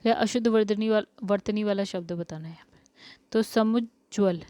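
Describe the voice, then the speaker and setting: Woman teacher explaining spelling, smooth voice. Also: mid-range voice, moderate pace, mellow, no echo. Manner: explains step by step, asks questions then answers them. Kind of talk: spelling lesson for exam prep.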